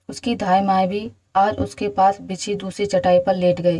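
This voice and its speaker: A woman narrating a children's fairy tale in a steady, even storytelling manner. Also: mid-range voice, poor audio.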